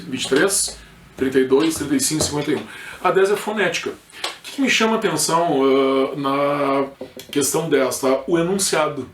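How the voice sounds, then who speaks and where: A man with a southern Brazilian accent from Rio Grande do Sul, teaching an informal exam review lesson and often checking in with his students. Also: fairly high pitch. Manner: informal, peppered with checks like "correto?" and "tá?". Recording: echoey room.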